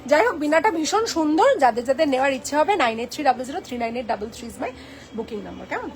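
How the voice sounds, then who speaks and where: Woman, high voice, live-stream sales chat, playful and teasing, code-switching to English. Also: big pitch swings, fast talker, faint music behind.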